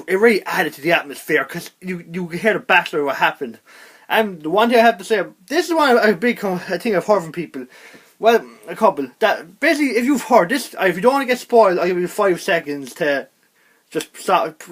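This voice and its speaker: A young man giving a casual spoken video game review, rambling and animated, with frequent restarts. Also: high-pitched.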